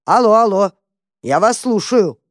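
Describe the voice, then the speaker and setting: A woman voicing a gruff, indignant man shouting into a phone. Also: medium pitch, expressive, a little slow, dry recording, studio quality, pitched above the performer's own voice, close to an everyday voice. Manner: bellowing, indignant.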